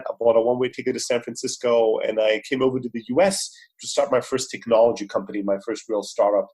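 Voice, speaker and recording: A man with a husky, slightly rough voice and a middling pitch talks energetically as a podcast guest. His talk flows quickly with frequent fillers and restarts, heard over a remote call. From Greece. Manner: fast, energetic storytelling with many fillers. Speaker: startup CEO guest. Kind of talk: podcast interview.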